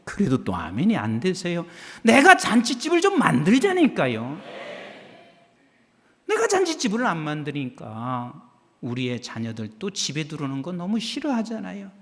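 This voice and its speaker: A man preaching a sermon as pastor, emphatic, calling on the congregation for amens and swinging between hushed and loud delivery. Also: a little high, wildly swooping pitch, normal speed. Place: church sanctuary. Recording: long reverb of a church hall.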